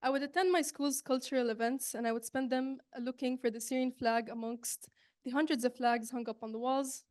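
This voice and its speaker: A woman's voice: high-pitched, fairly even intonation, a little fast, a little mellow. A young woman from Saudi Arabia giving an earnest student presentation, with frequent fillers and restarts. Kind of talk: presentation talk.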